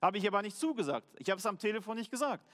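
A German man preaching a sermon as pastor, earnest, slowing down to stress key words. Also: sits high, sing-song, a bit bright, long reverb tail.

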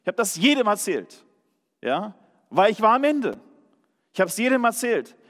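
A man with a high voice delivers an earnest, emphatic sermon built around a personal testimony. He keeps drawing in his listeners with short questions as he goes. His voice carries a long, ringing reverb from a church hall. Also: big pitch swings, normal speed, a bit bright. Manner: checks in with listeners with a frequent "Ja?". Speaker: preacher.

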